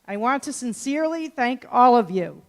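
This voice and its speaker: An older woman, a retiring school principal, speaks into a handheld microphone at an assembly. She is heartfelt and keeps halting with emotion. Her somewhat high voice rings out in a reverberant hall. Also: lively intonation. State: emotional, voice catching. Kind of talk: assembly speech. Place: school gym or auditorium. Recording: long reverb of a large hall.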